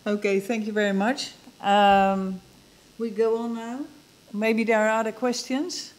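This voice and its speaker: A woman chairs a conference session, moving the discussion along briskly and teasing the panel lightly. Faint hall noise sits behind her. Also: fairly high pitch. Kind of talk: moderating a panel.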